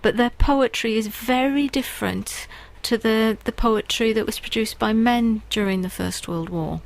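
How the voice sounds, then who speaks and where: On a radio interview, a woman who writes poetry talks earnestly and with care about her craft, frequently using ums. Her fairly high voice has vocal fry and moves at a normal speed, and the recording is rough.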